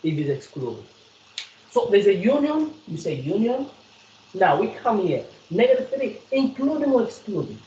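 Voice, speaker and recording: A woman's voice: mid-range voice, very animated, moderate pace, mellow, lo-fi sound, a little hiss or hum. South African woman tutoring maths, echoey. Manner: repetitive, coaxing, quizzes the student. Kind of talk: one-on-one maths lesson.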